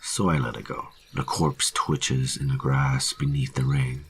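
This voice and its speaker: A man reading a first-person horror story in a steady, grim narration. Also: a bass voice, measured pace, a little hiss or hum.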